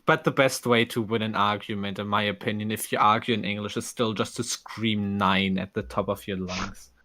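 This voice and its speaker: A man's voice: fairly low pitch, fairly even intonation, moderate pace, pushed and bright. German-accented man, laughing voice chat. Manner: laughs often, playful teasing. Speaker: community member in voice chat. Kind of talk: casual voice chat.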